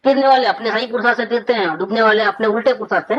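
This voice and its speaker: A man's voice: high voice, racing, fairly bright tone. Male spiritual teacher, conversational discourse, rhetorical questions, muffled lo-fi sound. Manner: conversational, asks rhetorical questions and answers them. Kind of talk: informal scripture discourse.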